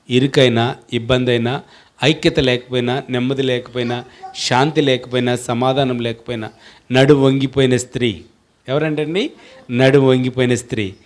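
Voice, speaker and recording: High-pitched preaching pastor, man. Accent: Telugu. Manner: preaching with rhetorical questions, swelling into loud chanted declarations. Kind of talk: sermon.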